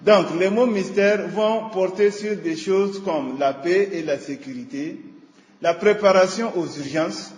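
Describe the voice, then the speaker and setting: Slow high-voiced man teaching a radio lesson. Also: darkish tone, a little hiss or hum. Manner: slow, deliberate teaching delivery. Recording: echoey hall with long reverb.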